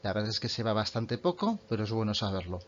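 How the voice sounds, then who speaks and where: A man, a native Spanish speaker, explaining English grammar in an online lesson and slowing right down to read example sentences. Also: on the low side, sing-song, muffled recording, a little hiss or hum. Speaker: English teacher.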